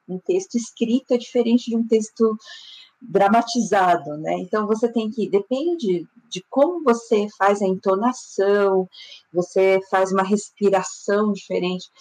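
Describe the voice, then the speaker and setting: A Brazilian woman talks casually on a discussion panel, pausing often and restarting her thoughts. Her voice is husky and slightly breathy, at an ordinary middle pitch for a woman. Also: darkish tone, poor audio. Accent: Brazilian Portuguese. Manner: hesitant, many fillers and restarts.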